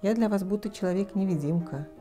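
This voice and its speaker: A woman voicing a lonely, kindly old man who speaks softly and gently in a storybook reading. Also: mid-range voice, fast, soft background music, close to an everyday voice. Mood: gentle.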